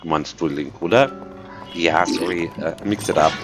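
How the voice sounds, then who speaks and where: A man with a Bavarian accent, a native German speaker, commenting on a game in English and then repeating each line in German, excitable and prone to swearing. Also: low voice, measured pace. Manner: excitable, with swearing and sudden outbursts. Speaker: gaming video host. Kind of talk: bilingual gameplay commentary. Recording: loud game music behind the voice.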